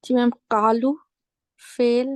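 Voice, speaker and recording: A woman's voice: a little high, flat delivery, a little mellow, no echo. A woman student on a video call, answering her teacher's grammar questions in short, hesitant pieces. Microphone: computer mic on a video call.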